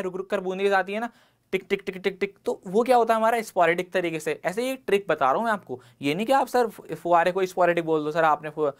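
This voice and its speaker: Man, Indian English accent, vocabulary teacher, online exam-prep lesson, rhetorical questions, everyday examples. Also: high-pitched.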